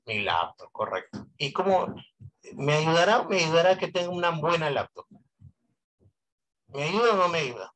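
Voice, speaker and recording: A man's voice: on the high side, big pitch swings, moderate pace, pauses often, a bit bright, rough recording. A man teaching an online economics class, speaking through a voice amplifier, who keeps asking his students questions and repeating his points for emphasis. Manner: asks students constant rhetorical questions.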